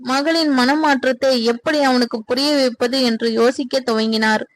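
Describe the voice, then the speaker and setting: A woman storyteller reading a serial romance story in a steady, even way. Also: sits high, normal speed, poor audio. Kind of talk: scripted narration of a serial story.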